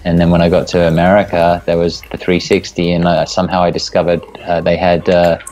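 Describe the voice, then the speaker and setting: A deep-voiced middle-aged man with an English accent, talking as a guest on a video call from a room at home. He rambles in a relaxed way and swears casually, with faint music behind him. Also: brisk, rough recording. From England. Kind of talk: casual interview chat. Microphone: earphone mic on a video call.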